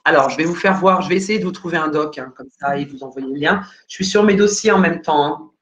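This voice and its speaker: A woman's voice: low voice, fast talker, dull audio, a little hiss or hum. A woman career coach answering questions live on a video call, hesitant and full of fillers while searching her files.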